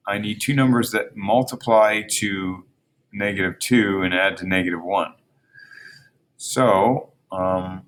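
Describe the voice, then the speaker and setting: A man teaching a math lesson, working problems out loud and talking viewers through the slides, with frequent fillers and restarts. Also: deep voice, slight background noise. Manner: thinks aloud with fillers and restarts, addresses viewers as friends.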